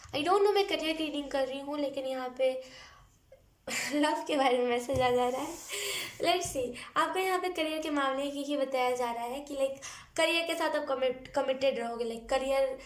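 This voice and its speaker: A woman talks through a casual pick-a-card tarot reading in a high voice. She is chatty, drops in fillers and switches between languages. The room around her is echoey. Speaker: tarot reader.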